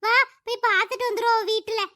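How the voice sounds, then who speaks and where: A voice actor playing a chatty, bossy middle-aged village woman in a cartoon, with a sped-up squeaky voice. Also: fairly even intonation, very noisy. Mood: worried. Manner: bossy, rapid village gossip. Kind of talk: cartoon voice acting.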